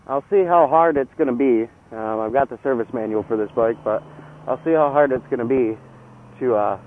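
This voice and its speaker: A man of average pitch talks casually from inside a motorcycle helmet, hesitating and rambling as he goes. The sound is narrow and phone-like, as from a helmet mic. A faint vehicle noise runs behind his voice. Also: a little fast. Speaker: motorcycle vlogger. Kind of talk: casual motovlog chat while riding. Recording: band-limited helmet mic, engine and road noise.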